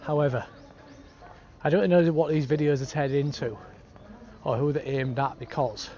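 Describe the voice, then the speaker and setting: A man's voice: on the high side, fairly even intonation, normal speed, mellow. A British man chatting casually to his travel vlog outdoors, with laddish, slangy phrasing. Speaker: travel vlogger. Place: outdoors in city streets and park. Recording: dull lo-fi outdoor sound, street noise.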